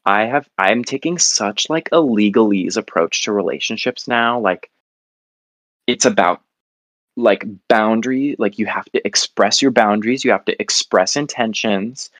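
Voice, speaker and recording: Low-voiced man rambling casually. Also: moderate pace, fairly bright tone, no echo. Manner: rambling, self-mocking, filler-heavy. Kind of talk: casual comedy podcast chat.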